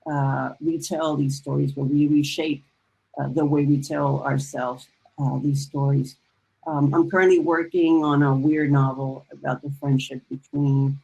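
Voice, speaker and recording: A woman with a husky, gravelly voice speaks in a flat, level tone. She is a storyteller on a panel video call, pausing often with ums as she gathers her thoughts. Her talk stays halting and thoughtful. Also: low voice, low-quality recording. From Dominican Republic. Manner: halting, many fillers. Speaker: storyteller and novelist. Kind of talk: panel discussion.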